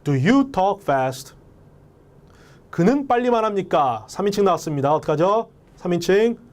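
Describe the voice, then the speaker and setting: A man's voice: high voice, big pitch swings, unhurried, a little mellow. A man teaching an English lesson, emphatic and often speaking straight to his viewers. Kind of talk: lecture.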